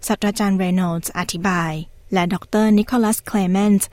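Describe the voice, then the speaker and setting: Woman, medium pitch, formal scripted news narration, careful enunciation, dry close sound. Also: steady tone, takes it slowly, darkish tone, dry recording. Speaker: radio presenter.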